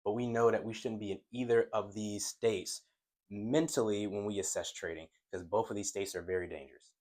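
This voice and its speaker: Man, low voice, casual whiteboard lesson, stutters when excited, chatty with viewers. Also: fairly quick. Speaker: trading coach.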